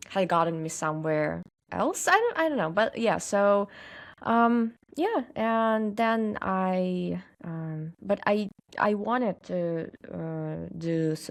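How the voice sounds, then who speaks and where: Speaking at medium pitch with vocal fry, a young Russian woman in her early adulthood talks as a podcast guest in casual interview chat. She's hesitant, her speech packed with fillers and frequent laughter, all in a Russian accent.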